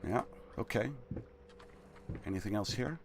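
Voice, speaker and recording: A man's voice: fairly low pitch, animated, unhurried, slightly rough. A man with a slushy lisp on his s sounds giving casual, jokey video game commentary, muttering asides and reading notes aloud.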